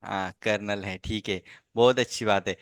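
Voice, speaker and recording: A man's voice: on the low side, fairly even intonation, moderate pace, clean tone, dry recording. Patient coaxing male tutor, dry sound. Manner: patient, coaxing, full of tag questions. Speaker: language teacher. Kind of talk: online tutoring lesson.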